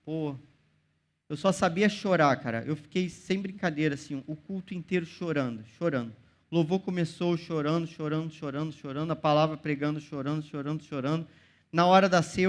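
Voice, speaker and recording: A young man with a Brazilian accent gives a sermon to teenagers. His voice sits high for a man, and he keeps it loose and chatty, dropping slang and calling the listeners "cara" as he goes. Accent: Brazilian Portuguese. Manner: casual slang-filled preaching, calls listeners "cara". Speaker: youth pastor. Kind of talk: youth sermon.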